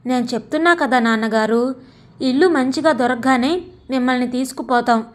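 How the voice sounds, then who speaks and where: A young man caught between wife and parents, pleading and apologetic, as a woman reader puts him on. The voice stays fairly high and gentle. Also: moderate pace, close to an everyday voice.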